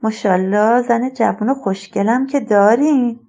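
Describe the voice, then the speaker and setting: A woman's voice: a little high, dark tone. A woman voicing a young adult daughter who asks her father teasing, direct questions.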